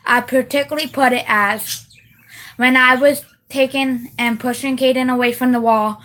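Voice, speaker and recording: Ranting young-sounding woman, fairly high voice. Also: fairly even intonation, normal speed, fairly bright tone, low-quality recording. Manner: heated, repetitive, swearing. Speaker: vlogger. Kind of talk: casual direct-to-camera rant.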